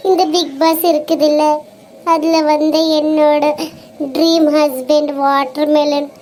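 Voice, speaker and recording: A woman voicing a melodramatic, whiny older mother-in-law in a cartoon, with a Bangalore Tamil accent and a slow, wailing drawl. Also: high voice, level tone, a little mellow. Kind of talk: cartoon voice acting.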